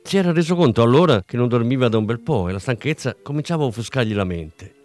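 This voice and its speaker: Lively male narrator, dry close mic, faint music. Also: medium pitch, fast, no room sound. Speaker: audiobook reader. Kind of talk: scripted narration.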